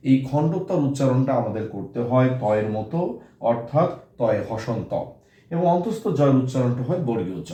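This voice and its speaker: A man's voice: medium pitch, lively intonation, fairly quick, warm tone, roomy sound. A male teacher giving a lesson to students, explaining step by step and saying example words aloud several times. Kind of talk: classroom lesson on pronunciation.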